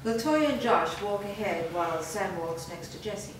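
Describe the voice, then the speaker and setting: At a staged reading, a woman reads scripted stage directions in an animated, mid-range voice at normal speed. The room is echoey, with a distant mic and faint noise.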